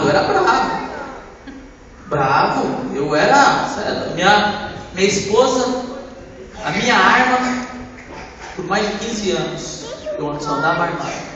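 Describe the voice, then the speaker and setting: A man giving a church testimony, impassioned, swinging between loud outbursts and hushed lines. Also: high voice. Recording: echoey church hall from far off, dull sound.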